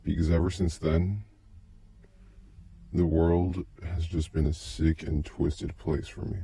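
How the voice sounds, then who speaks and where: A man telling a first-person tale as a recorded tape, his voice disguised by a deep pitch-shifting voice changer, in a slow, halting, brooding delivery. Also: level tone, warm tone, slightly rough.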